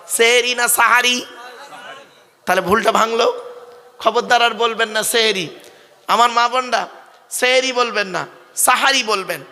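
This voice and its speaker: Preaching a Bengali waz sermon in a very high-pitched voice, a man addresses the crowd as "bap" and "baba" (father) and asks them to answer back. He drills proper Arabic pronunciation, poses rhetorical questions and builds to shouted lines, with a long reverb tail on the sound.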